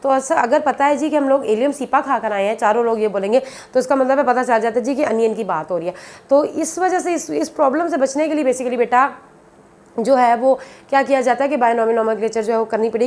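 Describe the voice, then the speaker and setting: High-voiced woman teaching biology. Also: darkish tone. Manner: repetitive, explanatory, calls students "beta". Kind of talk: classroom lecture.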